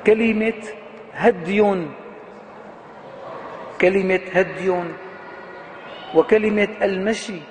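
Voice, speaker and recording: High-voiced man lecturing in a reverberant hall. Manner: poses questions to students and answers them himself. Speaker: grammar professor. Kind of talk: classroom lecture. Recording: long hall reverb with faint background noise.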